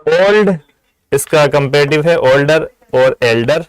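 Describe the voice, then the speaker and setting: A man giving an English grammar lesson, explaining patiently in Urdu-flavoured Hindi and repeating example words slowly. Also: on the high side, clean tone, dry recording, faint music behind, rough recording. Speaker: English teacher.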